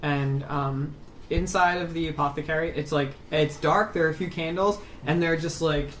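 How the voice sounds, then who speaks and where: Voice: medium pitch, fairly even intonation, moderate pace, a bit bright. Rambling game master in an echoey room. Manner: rambling, filler-heavy description. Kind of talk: narrating a tabletop game. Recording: roomy echo with faint hum.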